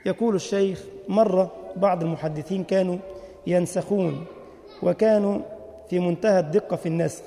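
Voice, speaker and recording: An Egyptian man preaches in a high, lively voice, moving between formal Arabic and everyday dialect as he tells his stories. His voice carries a long reverb, as if recorded in a big hall. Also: fairly quick, creaky. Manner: animated storytelling, mixing formal Arabic with dialect. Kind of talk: religious lesson.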